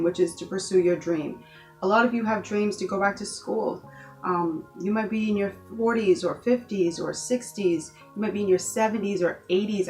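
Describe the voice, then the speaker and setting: A woman from the Bahamas giving an earnest motivational talk in her vlog, encouraging viewers and repeating points for emphasis. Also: fairly low pitch. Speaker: vlogger.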